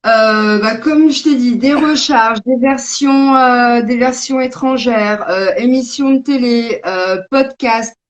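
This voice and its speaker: Born in Belgium and raised in France, this woman is a game creator having a casual conversation over a video call. She talks a lot and thoughtfully, hesitating often. Her voice is fairly high, her pace slow, with few pauses.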